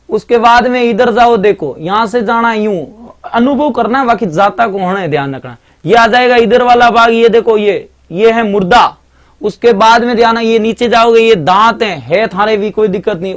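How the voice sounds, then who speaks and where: A male teacher with a Marwari accent runs a live online grammar lesson, chatty and repetitive, and he keeps reminding students to pay attention. His voice sits high.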